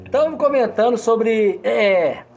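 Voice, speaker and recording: A man's voice: high voice, animated, very slow, gravelly, noisy background. A man hosting a casual chat about faith, joking and laughing often. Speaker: host. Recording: dull lo-fi sound.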